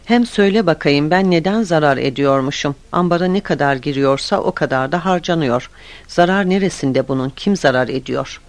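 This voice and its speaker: A short-fused construction boss barks and sneers at his workers with loud, impatient scorn. A man puts him on as he reads the story aloud, in a slightly raised voice. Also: fairly high pitch, fairly quick, close to an everyday voice. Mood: angry. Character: hot-tempered bossy male construction boss.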